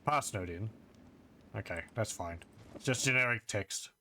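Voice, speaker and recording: A man's voice: lowish voice, expressive, a little slow, pushed and bright, slight background noise. A man doing casual gameplay commentary, thinking aloud and muttering to himself as he goes. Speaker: video game player.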